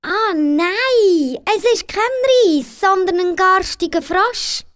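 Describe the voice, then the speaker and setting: A woman's voice: extremely high pitch, takes it slowly, a bit bright, heavily acted. A woman voicing a spoiled young princess with a Swiss German accent, petulant and pleading.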